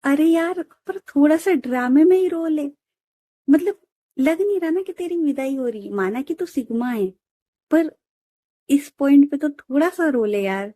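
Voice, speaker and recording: A woman's voice: sits high, animated, unhurried, long pauses, mellow, dry recording, clean studio sound. A woman voicing a cheeky, playful young female friend in a storybook reading. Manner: playful, pleading. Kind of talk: storybook narration.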